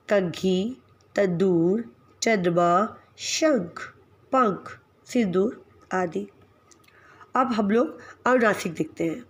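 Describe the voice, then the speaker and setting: Slow, deliberate woman teacher. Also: medium pitch. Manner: slow, deliberate, spelling out example words one by one. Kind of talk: grammar lesson.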